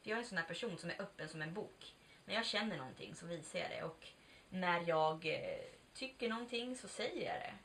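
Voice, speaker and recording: Animated and a bit bright, her voice sitting on the low side, a vlogger in her twenties chats openly through a personal story. It's casual and confessional, sprinkled with occasional swearing and acted-out dialogue. The distant mic picks up faint background noise.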